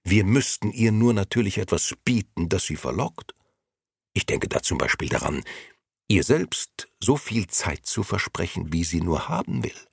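A man doing an icy, scheming gentleman. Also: low-pitched, big pitch swings, no room sound, clean studio sound, voice pushed up, exaggerated voice. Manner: slow, smooth, icy persuasion. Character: cold scheming grey gentleman, adult male.

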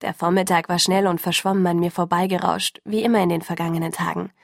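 Calm woman reading an audiobook. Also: on the low side, fast, gravelly, no echo, studio quality. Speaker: audiobook narrator. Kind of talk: scripted first-person narration.

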